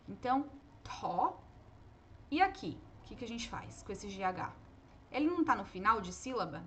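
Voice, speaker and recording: A woman teaching English pronunciation in a live online lesson, explaining patiently and modeling each word slowly aloud. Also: medium pitch, pushed and bright, a little hiss or hum.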